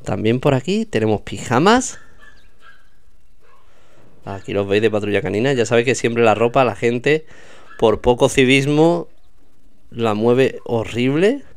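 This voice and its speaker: Here a man with a clean, mid-range voice sounds animated but talks a little slowly, pausing often. He's a vlogger drifting through a supermarket aisle, casually chatting and highlighting products for viewers.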